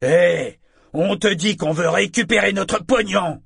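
A man's voice: medium pitch, animated, a little slow, a bit bright, breathy edge, no room sound, studio quality, heavily acted. A man voicing a brutish, bullying sailor who talks coarsely and menacingly.

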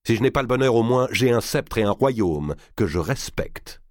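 A man's voice: mid-range voice, expressive, normal speed, no echo, clean studio sound, pitched above the performer's own voice, lightly acted. A man reading aloud and voicing a stern queen who speaks in clipped, commanding lines. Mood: cold. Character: hard, cold, stern queen.

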